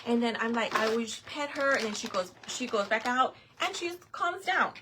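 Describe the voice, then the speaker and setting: A woman's voice: on the high side, expressive, normal speed, background noise. A middle-aged woman telling a rambling story in a casual, chatty way, full of fillers and restarts. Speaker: vlogger.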